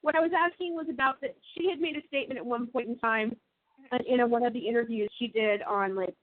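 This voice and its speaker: A middle-aged woman doing a casual phone interview, asking questions haltingly and trailing off as she takes notes. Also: fairly high pitch, no echo. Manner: halting, trails off while note-taking. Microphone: phone call. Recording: tinny dry phone-line sound.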